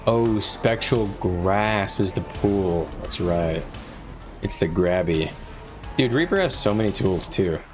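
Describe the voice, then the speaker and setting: A low, expressive male voice at a slow pace belongs to a game livestreamer. He speaks casually to his viewers, explaining things informally while music plays in the background.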